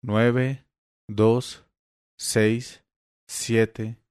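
A man voicing an irritable eighty-year-old father who stumbles over words and turns sharp and shrill when annoyed, read aloud in an audiobook. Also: flat delivery, smooth, no room sound, clean studio sound. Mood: testy. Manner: halting, testy, voice rising when irritated.

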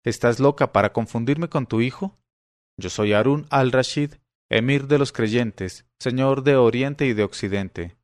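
A man voicing a young man who believes he is the caliph, shouting indignant commands. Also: mid-range voice, a little slow, no room sound, studio quality, close to an everyday voice. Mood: imperious shouting.

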